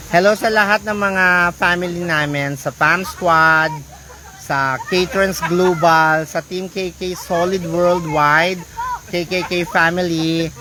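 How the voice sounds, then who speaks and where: A woman from the Philippines livestreaming outdoors on an island beach, chatting casually and greeting her viewers one by one by name. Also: on the low side. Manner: chatty, reads out viewer names and shout-outs. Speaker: vlogger on a livestream.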